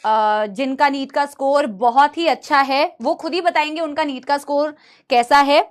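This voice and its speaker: Woman teacher, high voice, chatty and fond with students, live online class on a laptop. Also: normal speed. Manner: chatty, addresses students fondly.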